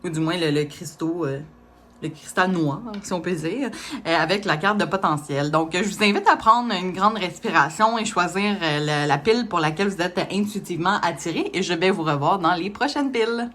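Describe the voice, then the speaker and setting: A woman's voice: lowish voice, normal speed, a bit bright. A woman reading tarot cards, speaking casually with many hesitations and small laughs. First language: French. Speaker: tarot reader.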